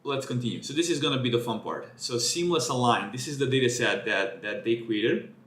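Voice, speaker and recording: Live-streaming a paper walkthrough, a man from Serbia with Serbian as his first language thinks aloud about the research and keeps correcting himself. His middle-pitched voice is animated, a bit bright and a little fast. There's a noticeable echo in the room.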